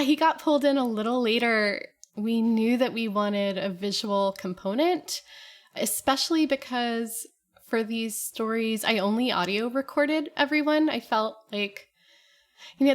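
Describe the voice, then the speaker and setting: A woman composer talking about her work in a relaxed interview, chatty with frequent fillers. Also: fairly high pitch, measured pace. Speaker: composer and guest. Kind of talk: casual interview talk.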